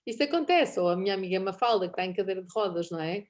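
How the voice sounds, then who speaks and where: A middle-aged woman with a European Portuguese accent and a rapid-fire, mid-range voice speaks casually as a guest in an online talk session. She's animated, laughs often, and acts out bits of quoted dialogue.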